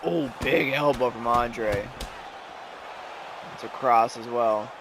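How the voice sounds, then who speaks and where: A man's voice: mid-range voice, takes it slowly, background noise. A man giving sports commentary, introducing fighters and calling the action.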